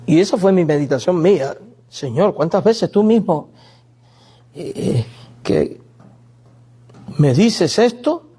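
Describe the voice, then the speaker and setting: A man's voice: high voice, lively intonation, takes it slowly, long pauses, warm tone, breathy edge. A male pastor preaching a sermon, telling a family story and acting out the pleas he quotes.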